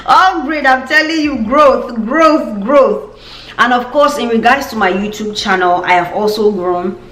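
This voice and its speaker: A woman's voice: fairly high pitch, slow pace, fairly bright tone, echoey room. A young woman with a Nigerian accent, chatting casually in a vlog update and repeating words for emphasis. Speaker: vlogger.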